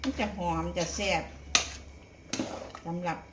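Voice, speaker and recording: A middle-aged woman with an Isan Thai accent, chatting folksily to viewers as she demonstrates home cooking, with polite particles throughout. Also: takes it slowly. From Isan, northeastern Thailand. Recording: echoey room, clear background noise, clattering pots.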